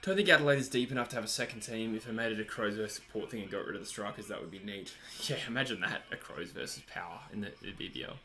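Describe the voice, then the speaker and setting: Faint music plays behind an Australian man in his twenties as he hosts a casual cricket-match livestream and reads viewer messages. His lowish voice is pushed and bright, rapid-fire with few pauses, and he's chatty, rambling and self-deprecating.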